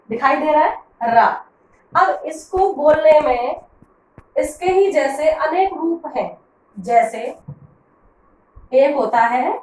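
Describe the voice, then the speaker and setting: A woman's voice: high-pitched, a little mellow, echoey room, distant mic, slight background noise, rough recording. A woman teacher explaining grammar to pupils, patiently asking questions and answering them herself. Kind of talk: classroom grammar lesson.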